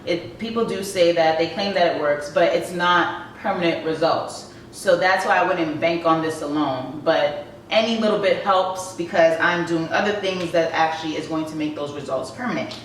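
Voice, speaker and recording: A woman's voice: on the low side, slight background noise. Chatty woman vlogger in an echoey room. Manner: chatty, fast-talking, laughs at herself. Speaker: beauty vlogger. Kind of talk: casual talk to camera. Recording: echoey room, far from the mic.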